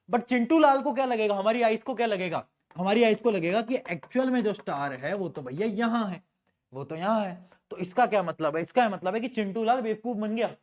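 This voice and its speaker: A young male teacher giving a live science lesson, playful and teasing, repeating key questions and answers and mixing English terms into his talk. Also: high voice. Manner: playful, teasing, addresses students as beta; mixes English terms into Hindi.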